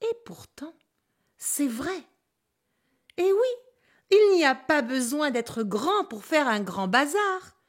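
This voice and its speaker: A woman hosting a children's show, telling a story in a slow, sing-song way and speaking directly to a young child. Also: sits high, big pitch swings, reverberant.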